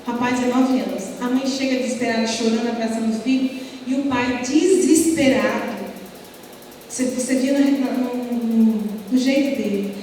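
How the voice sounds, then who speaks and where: Woman preacher, high voice, impassioned sermon, distant mic in a booming hall with faint noise. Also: normal speed, mellow. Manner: impassioned preaching with rhetorical questions. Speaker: preacher at a prayer group.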